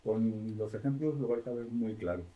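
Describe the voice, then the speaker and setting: A man's voice: fairly low pitch, normal speed, highs cut off. A man with a Spanish accent giving a university lecture in a classroom, explaining step by step, asking the class questions and correcting himself as he goes.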